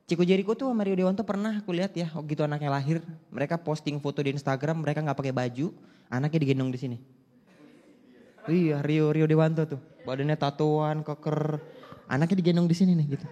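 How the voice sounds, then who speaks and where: High-voiced chatty male comedian. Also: steady tone, quick pace, warm tone, highs cut off. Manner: chatty, self-mocking storytelling. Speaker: stand-up comedian. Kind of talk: stand-up comedy. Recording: echoey hall.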